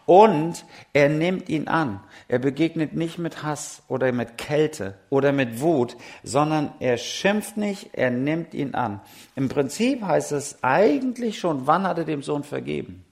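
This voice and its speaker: A middle-aged man preaching a sermon, chatty and animated, swinging from soft asides to loud, emphatic peaks. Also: fairly high pitch, measured pace, creaky. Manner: chatty, asks the audience questions and laughs.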